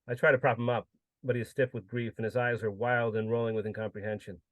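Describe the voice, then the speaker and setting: Man, literary prose reading, measured and solemn, dry recording. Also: mid-range voice, flat delivery, dry recording, phone-quality sound. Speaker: contributor reading his story.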